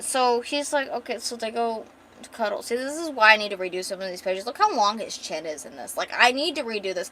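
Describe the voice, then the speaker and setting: A woman artist chatting casually on her stream as she reads through her comic pages. She rambles and corrects herself constantly, with a lively, fairly high voice. A faint background ambience sits under her. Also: a little hiss or hum. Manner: rambling, chatty, many fillers and self-corrections. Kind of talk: casual chat reading her comic script.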